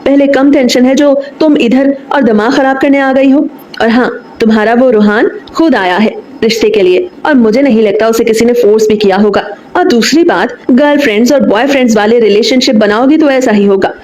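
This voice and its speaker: A woman voicing an angry, sharp-tongued young woman in a romance audiobook, speaking in a scolding, indignant way. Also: a little high, a little fast, close to an everyday voice, poor audio.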